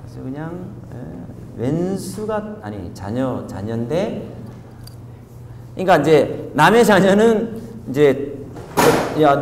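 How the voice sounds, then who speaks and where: Animated male pastor in an echoey hall. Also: fairly high pitch, slight background noise. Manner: animated, keeps asking the congregation questions. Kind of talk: revival sermon. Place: church revival tent meeting. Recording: echoey hall with faint ambience.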